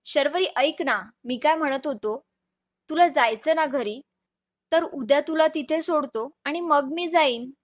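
A woman's voice: high-pitched, measured pace. A woman voicing a playful, affectionate young husband in a storybook reading, teasing and fond in tone. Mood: casual.

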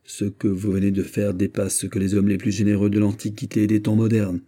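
A man voicing a dying old male cardinal who pleads and flatters theatrically, with a husky, dark voice. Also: lowish voice, a little fast, close to an everyday voice. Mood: fawning.

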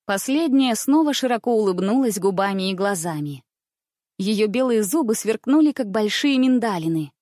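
A woman narrating a children's story in an expressive audiobook style. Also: medium pitch, moderate pace, no echo, clean studio sound.

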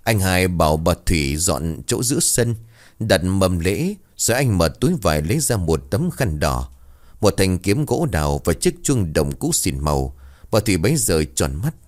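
A man narrating a ghost story in a slow, atmospheric storytelling manner. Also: low-pitched, very animated.

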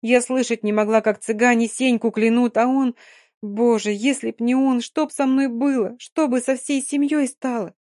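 A woman reading an audiobook, voicing a young Roma woman who is hoarse from crying, guilt-ridden and speaking in broken, halting bursts. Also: fairly low pitch, no room sound, studio quality, close to an everyday voice. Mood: anguished. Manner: broken, halting, rising in anguish.

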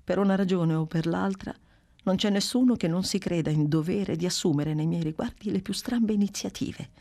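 A woman doing a hushed aging schoolteacher. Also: on the low side, moderate pace. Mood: indignant. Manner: hushed, often whispered asides. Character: small bony aging woman schoolteacher, confiding, wry.

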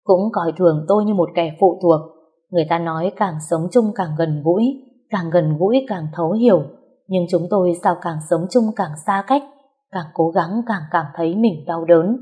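A woman narrating a first-person domestic drama in a steady, subdued voice. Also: lowish voice, moderate pace, slightly rough.

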